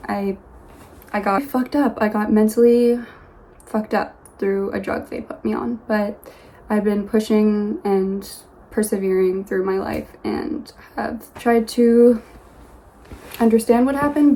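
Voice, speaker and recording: Soft-spoken young woman rambling in her bedroom. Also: medium pitch, a little hiss or hum, low-quality recording. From Los Angeles, USA. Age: young adult. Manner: soft, rambling, with many pauses and restarts. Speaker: vlogger. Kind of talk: casual get-to-know-me vlog. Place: her bedroom, sitting on a yoga mat. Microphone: phone camera.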